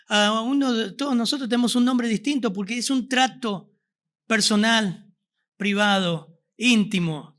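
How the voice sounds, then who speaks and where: High-voiced Argentine preacher. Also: male voice, a bit bright. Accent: Argentine Spanish. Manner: preaching with rhetorical questions to the congregation. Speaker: pastor. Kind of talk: sermon. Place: church service.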